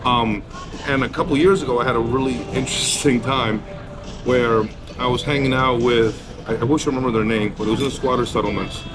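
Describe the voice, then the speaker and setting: A man's voice: mid-range voice, steady tone, fairly quick. Blunt man from Poland with music behind. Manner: blunt, candid opinions. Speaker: interviewee, business owner. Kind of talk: casual street interview.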